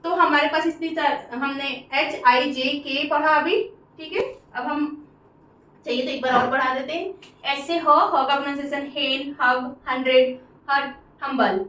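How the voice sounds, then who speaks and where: A woman with an Indian accent teaching English pronunciation, saying each word slowly and repeating it for the class. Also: high voice, steady tone, pushed and bright. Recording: echoey room, voice from far off.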